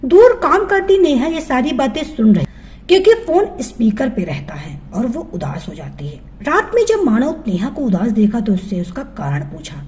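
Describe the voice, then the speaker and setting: A woman telling a family story as scripted narration, in an expressive storytelling manner. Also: on the high side, moderate pace, slight background noise.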